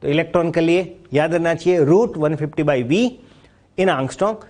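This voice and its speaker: Male physics teacher, lively rhetorical questions. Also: on the high side, moderate pace. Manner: explains step by step, repeats key points, asks and answers his own questions. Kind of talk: classroom lecture mixing Hindi and English.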